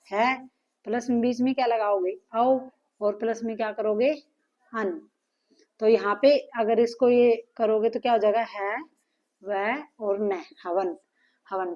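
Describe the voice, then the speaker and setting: A woman teaching a grammar lesson, patiently asking questions and answering them herself. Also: fairly high pitch. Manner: patient, asks and answers her own questions. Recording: dull lo-fi sound.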